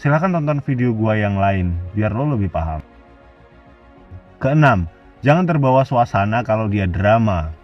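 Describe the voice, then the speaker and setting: Man, blunt casual advice voice-over, low voice, distant dull recording, soft music behind. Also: lively intonation, normal speed, long pauses. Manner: blunt slangy Jakarta-style casual talk. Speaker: dating advice host. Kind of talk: scripted motivational voice-over.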